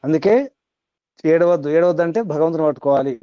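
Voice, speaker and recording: A man's voice: on the high side, brisk, smooth, no echo, highs cut off. A man giving a spiritual discourse to a class, repeating points, chanting Sanskrit verses and quizzing his listeners. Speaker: spiritual teacher.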